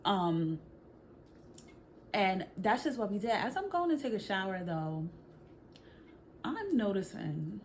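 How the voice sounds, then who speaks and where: Brief: young Brooklyn woman vlogger, animated casual storyteller, mid-range voice, faint room noise. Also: mid-range voice, slow pace, long pauses. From Brooklyn, New York. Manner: animated, chatty, slangy, addresses viewers. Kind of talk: storytime vlog.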